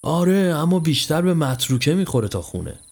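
A man's voice: on the high side, sing-song, a little mellow, breathy edge, pitched above the performer's own voice, exaggerated voice. A man voicing a jittery young man in a horror audio story, with a shaky, grumbling way of talking. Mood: uneasy. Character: jittery young man who jokes when scared.

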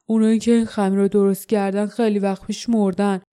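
A woman voicing a gruff, scornful male warrior who grumbles his lines in an audiobook. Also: mid-range voice, flat delivery, dark tone, natural voice. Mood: grumbling. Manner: grumbling, contemptuous. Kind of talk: audiobook character voice.

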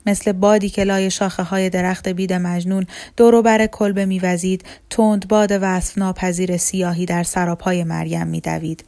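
A woman from Iran narrating a novel in a calm, measured audiobook reading. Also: fairly low pitch.

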